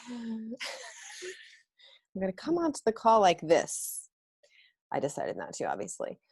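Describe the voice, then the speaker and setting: A woman's voice: on the high side, wildly swooping pitch, takes it slowly, darkish tone, husky. A woman in her fifties hosting a casual video call about fashion, chatty and rambling, often trailing off mid-sentence. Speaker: host.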